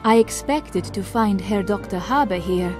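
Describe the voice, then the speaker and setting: A woman's voice: mid-range voice, measured pace, over loud music, natural voice. A woman voicing a bold, determined female spy in an adventure game, with a poised, theatrical delivery. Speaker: game heroine.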